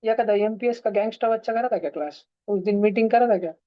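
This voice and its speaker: Teasing science teacher, a man, on a dull, dry video-call mic, mid-pitched. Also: fast, dry recording. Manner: teasing, joking with students. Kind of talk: online class lecture. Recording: dull, dry online-class audio.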